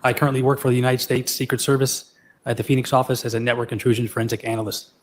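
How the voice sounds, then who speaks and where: A middle-aged man giving formal testimony as an expert witness, measured, matter-of-fact and halting. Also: medium pitch, flat delivery. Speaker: expert witness, retired state trooper and forensic analyst. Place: courtroom. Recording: faint background noise.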